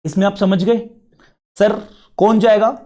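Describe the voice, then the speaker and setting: A man with an Indian accent giving a casual classroom lecture, chatty and mixing English terms in, a bit unwell and low on energy. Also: fairly even intonation, unhurried, dark tone. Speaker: teacher.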